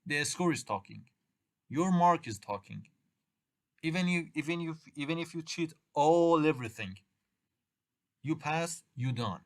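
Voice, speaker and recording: Teaching an English exam workshop, this middle-aged man from Iran speaks with a Persian accent, Persian being his native tongue. His voice is a little high and a bit bright, and his delivery is halting, full of restarts, repeated phrases and uneven grammar.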